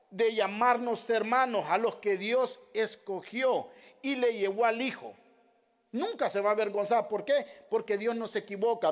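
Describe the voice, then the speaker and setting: A male pastor preaching a sermon, repeating Bible references and putting rhetorical questions to his congregation. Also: high-pitched. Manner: repeats Bible references and addresses listeners as beloved brothers.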